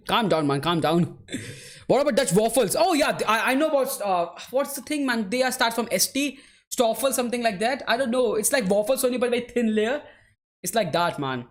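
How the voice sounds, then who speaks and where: A man hosts a live football watchalong. He calls the play in a relaxed, chatty way, and his talk is full of "bro" and "man". He answers his viewers with an easy laugh. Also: high-pitched. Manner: laughs easily while answering chat. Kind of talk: live match commentary and chat replies.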